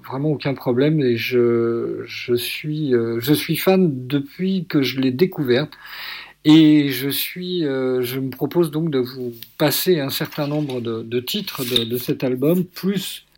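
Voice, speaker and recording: A man presenting jazz tracks on the radio, halting with many fillers and self-corrections, openly enthusiastic about the music. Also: medium pitch, a little mellow.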